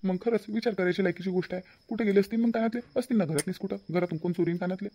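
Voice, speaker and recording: Brief: a man as generous young village nephew in a cartoon; warm-toned, rapid, reassuring. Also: sits high, lo-fi sound. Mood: earnest. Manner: reassuring, earnest. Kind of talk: cartoon voice acting.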